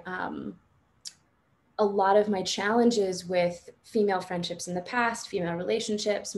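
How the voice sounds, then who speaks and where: Her story comes out haltingly and reflectively, peppered with filler phrases, as a woman in her thirties testifies informally on a panel video call from indoors at home. She spent her first seven years in Morocco, where she was born, then moved to the United States. Her voice is medium-pitched, and the call audio is noisy, with room ambience.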